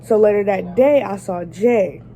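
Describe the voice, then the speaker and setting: A woman with a raspy, just-woken-up voice tells a casual story to her viewers. Her tone is mellow and low-key, and she talks chattily and straight to the camera. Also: measured pace, a little hiss or hum, rough recording. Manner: chatty, addresses viewers directly. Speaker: vlogger.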